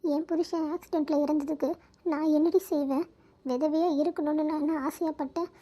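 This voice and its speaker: A woman's voice: high voice, fairly even intonation, a little fast, dark tone, lightly acted. A woman voicing a young widow who talks in a bitter, hurt way. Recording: dull lo-fi recording.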